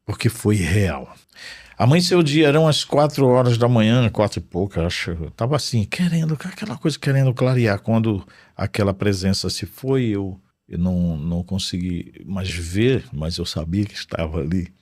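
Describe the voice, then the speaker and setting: A man giving an emotional faith testimony in a studio, earnest, swinging between loud bursts and hushed low tones. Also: normal speed, no echo.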